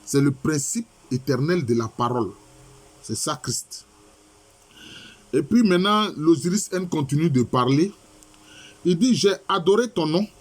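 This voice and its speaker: A man's voice: a little high, lively intonation, unhurried, long pauses. A man, a professor, reading passages aloud and explaining them in a lecture, often asking and answering his own questions. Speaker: professor lecturing on Egyptian texts. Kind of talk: lecture with text commentary.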